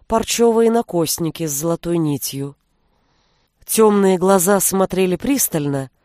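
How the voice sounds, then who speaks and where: A woman reading an audiobook aloud in an even, measured storytelling manner. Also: on the low side, no echo, studio quality. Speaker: narrator. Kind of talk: audiobook narration.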